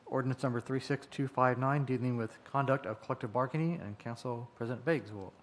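A man reads out council agenda items at a middle pitch, plainly and by the book. Faint room noise sits under his voice. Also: brisk. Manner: matter-of-fact, procedural. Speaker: meeting clerk reading agenda. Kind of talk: agenda reading.

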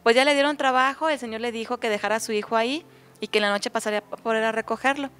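A woman reading a folk tale aloud to viewers in a gentle, homely storytelling manner. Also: fairly high pitch, quick pace, clear, resonant tone.

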